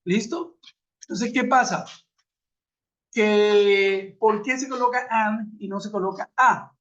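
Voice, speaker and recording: A man's voice: sits high, steady tone, slow pace, fairly bright tone. A man teaching an English lesson in an online class, explaining patiently and asking rhetorical questions over a web conference. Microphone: computer mic on a video call. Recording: muffled web conference audio.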